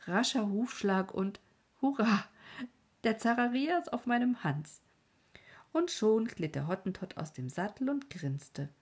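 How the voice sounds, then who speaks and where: Husky woman narrating an adventure tale. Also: medium pitch, animated, measured pace, a little mellow. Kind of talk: scripted audiobook narration.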